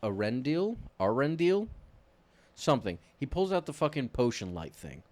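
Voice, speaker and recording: A man's voice: mid-range voice, sing-song, fairly quick, darkish tone. A man co-hosting a casual chat, swearing constantly as he retells a story and acts out scenes in silly voices. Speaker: podcast co-host.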